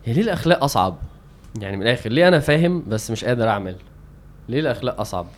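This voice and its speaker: Young egyptian arabic guy, podcast host chatting religion, talks super fast, acts out what people say. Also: medium pitch, very animated. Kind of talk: casual religious discussion.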